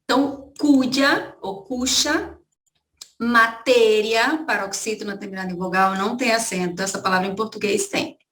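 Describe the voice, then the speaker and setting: A woman's voice: a little high, moderate pace, a bit bright, reverberant. A Brazilian woman teaching an online Spanish lesson, explaining points and checking in with her students. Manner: explanatory, repeats points with "tá?" and "gente".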